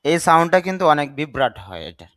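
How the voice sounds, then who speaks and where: A man whose first language is Bengali, teaching English pronunciation, spelling words out slowly and repeating each sound. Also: a little high, very animated, a bit bright. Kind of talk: pronunciation lesson.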